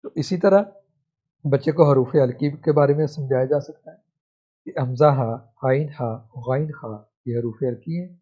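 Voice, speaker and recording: A man's voice: medium pitch, dark tone. A man teaching a Quran reading lesson, spelling out syllables one by one and then blending them. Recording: muffled, lo-fi recording.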